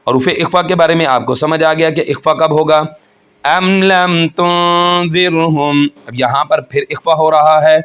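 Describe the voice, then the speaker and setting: A man teaching Quran recitation rules, explaining each point slowly and patiently and chanting the verses in a melodic voice. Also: on the high side, fairly even intonation, a bit bright. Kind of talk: tajweed lesson with chanted recitation.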